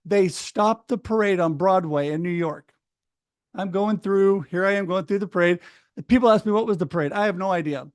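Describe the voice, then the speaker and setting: High-voiced man telling a lively story. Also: moderate pace, clear, resonant tone, no echo, studio quality. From Oregon, United States. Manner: animated, acts out other people's words, laughs often. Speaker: speaker sharing his story. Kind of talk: casual storytelling talk. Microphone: video call.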